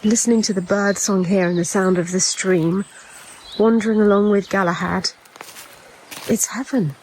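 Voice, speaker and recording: A woman narrates her home vlog with eager, gushing enthusiasm. Her voice sits at an ordinary middle pitch, with a faint hum of ambient noise behind her. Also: fairly even intonation, normal speed, a little mellow, poor audio. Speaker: vlog host.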